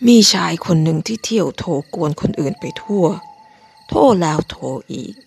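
Casting: woman playing a kindly old lady caller, low and gravelly, gently teasing, horror storybook reading. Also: moderate pace, a little hiss or hum. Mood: concerned. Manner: gentle, doting, softly teasing.

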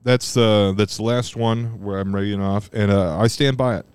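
A deep-voiced man hosts a casual solo podcast from a room at home, rambling loosely and profanely with plenty of fillers. His strong, loud voice has a clean tone and normal speed, though it turns monotone at times.

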